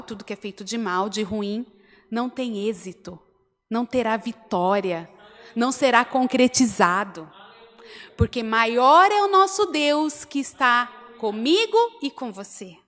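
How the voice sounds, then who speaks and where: A woman's voice: on the high side, a bit bright. A woman with a Brazilian Portuguese accent preaching a sermon. She retells a story and swells into emphatic appeals to her listeners. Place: church hall, indoors. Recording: long church reverb.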